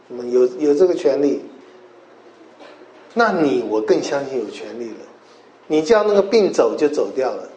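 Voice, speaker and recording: A man delivers a sermon in a slightly high, warm, mellow voice. He acts out the quoted characters in the stories, jumping sharply up and down in pitch. The room around him is echoey. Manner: acts out biblical quotes with sudden pitch jumps. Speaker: preacher.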